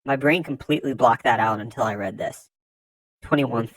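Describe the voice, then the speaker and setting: A narrator reading forum posts aloud in scripted narration, with lively swings in pitch and loudness. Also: moderate pace, slight background noise, rough recording.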